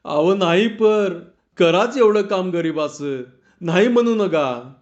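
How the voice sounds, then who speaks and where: Humble pleading villager with rustic speech, played by a male storyteller, slow, a bit high. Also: expressive, darkish tone, highs cut off.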